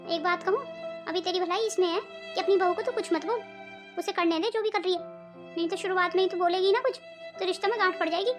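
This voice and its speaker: A woman voicing a very old, calm and wise great-grandmother-in-law in a cartoon, speaking slowly and measuredly, with faint music behind. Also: very high voice.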